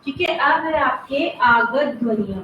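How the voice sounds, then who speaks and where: A woman teacher giving an online grammar class to schoolchildren. She asks the class questions, answers them herself, and draws out example words slowly. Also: high voice, expressive, sharp tone, a little hiss or hum. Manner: slow, drawn-out spelling of example words. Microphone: video call. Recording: roomy, muffled online class audio.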